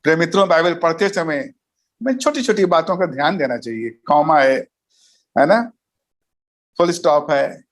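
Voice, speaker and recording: High-voiced pastor teaching Bible study. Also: male voice, expressive, normal speed, pauses often. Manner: didactic, enumerates points, tells jokes and anecdotes. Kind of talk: recorded teaching session.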